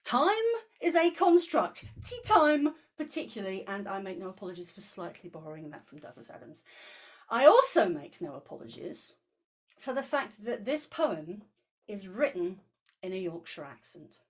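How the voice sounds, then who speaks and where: A woman hosting an online book launch over a video call, introducing and reading poems with an expressive delivery. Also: medium pitch, normal speed.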